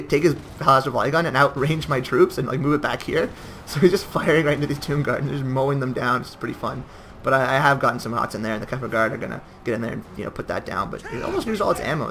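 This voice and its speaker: A man's voice: mid-range voice, a bit bright, a little hiss or hum. A young man giving casual, rambling commentary over a strategy game battle, with jokey self-mocking asides. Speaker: gameplay commentator.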